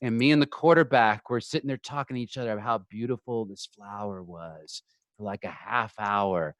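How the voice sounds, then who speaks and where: A man with a fairly low voice tells rambling stoned stories at an easy pace. He drops in quoted asides along the way. His video-call mic sounds dry and close. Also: fairly quick, a bit bright, no room sound. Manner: loose, rambling, laid-back anecdotes with quoted asides. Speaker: improv comedy host. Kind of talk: stoned comedic storytelling on a live stream. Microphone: remote video call mic.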